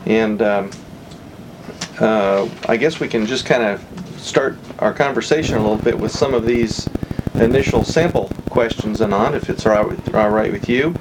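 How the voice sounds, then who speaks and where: A man's voice: fairly low pitch, moderate pace, background noise. A man hosting an oral history interview, asking questions politely and with many hesitant fillers.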